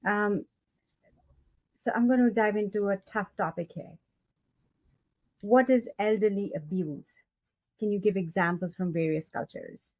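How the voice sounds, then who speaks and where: A woman's voice: mid-range voice, a little slow, pauses often, a little mellow, dry recording, rough recording. A woman hosting an interview, agreeing briefly and asking short questions. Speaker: interview host.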